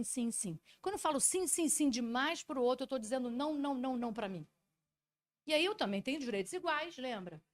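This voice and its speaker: A woman psychologist giving an animated talk, explaining with rhetorical questions. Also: on the high side, dry recording. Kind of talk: talk to an audience.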